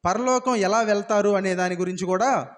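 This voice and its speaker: A man's voice: sits high, normal speed. Man, pastor, sermon, rhetorical questions, long hall echo. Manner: rhetorical questioning, shouting repeated cries.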